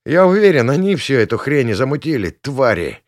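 A male reader voicing a tense, rattled male colonel who shouts his lines in an audiobook. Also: mid-range voice, big pitch swings, a little slow, no echo, studio quality, pitched above the performer's own voice. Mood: angry. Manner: shouting, strained. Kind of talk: audiobook character voice.

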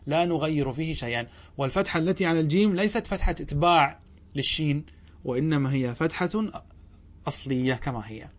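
A man teaching a classical Arabic grammar lesson, explaining step by step and answering his own questions, slowing down to spell out word forms. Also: a little high.

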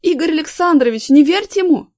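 Woman voicing a shrill, tearful young man. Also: animated, fast, dry recording, clean studio sound. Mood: shrill accusing. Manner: shrill, near tears, shouting.

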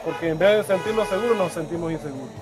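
A man coordinating a community movement, speaking fast and insistently outdoors at a protest. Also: a little high, music in the background. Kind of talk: on-the-street statement. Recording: outdoor field recording with crowd. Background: crowd.

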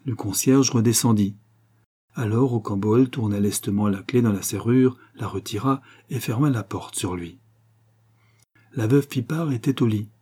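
A man narrates a novel as an audiobook, telling the story in a measured, even manner. His voice is fairly low and husky.

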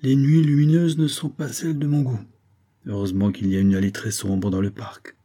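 A man voicing an anxious young gentleman suitor who speaks in a measured, tense, hushed way. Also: medium pitch, little pitch movement, lightly acted. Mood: uneasy.

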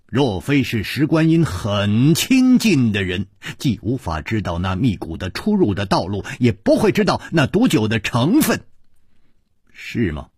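A man voicing a shrewd, cool-headed male swordsman hero who reasons slowly and deliberately. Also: medium pitch, huge pitch swings, a little mellow, slightly rough, no room sound, exaggerated voice. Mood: probing. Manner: slow, deliberate, coldly reasoning.

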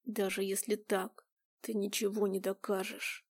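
A woman reader voicing a menacing young man who snaps angrily and hisses low threats. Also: unhurried. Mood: hissing. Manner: sharp, then a low hissing threat. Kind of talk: audiobook character reading.

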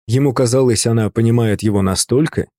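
A man narrating an audiobook in an even, measured literary reading. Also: medium pitch, no echo, clean studio sound.

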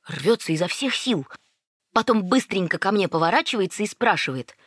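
A woman narrating a first-person story in a lively, wry manner. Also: medium pitch, normal speed, husky, no room sound, clean studio sound.

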